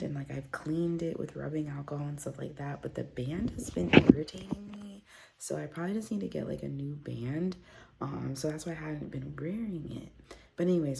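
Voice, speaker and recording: Speaking into her phone camera at home, a woman with a very deep, gravelly, mellow, dark voice chats casually for her vlog. She's a little stuffed up after a recent cold and rambles, with lots of fillers and restarts. Slight background noise can be heard.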